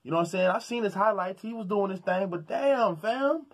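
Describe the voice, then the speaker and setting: A sports vlogger from Houston, Texas, rants in a fired-up, slangy way, often stammering and repeating words. His voice sits high and sounds husky, and his delivery is animated and brisk.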